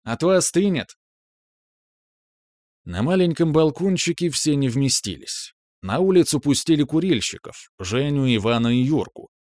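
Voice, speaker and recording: A man's voice: a little high, very animated, moderate pace, few pauses, darkish tone, dry recording, studio quality. Wry male audiobook narrator. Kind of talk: first-person novel narration.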